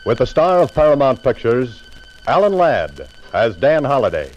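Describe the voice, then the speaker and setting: A man's voice: medium pitch, sing-song, normal speed. A man announcing a 1940s radio show in a dramatic, emphatic style. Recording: muffled 1940s radio broadcast with music.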